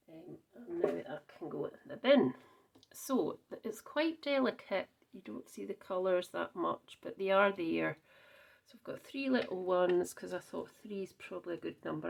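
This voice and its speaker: A Scottish woman with a lowish, creaky, breathy voice talks casually through a card-making demonstration. She thinks aloud, with frequent ums and small self-corrections.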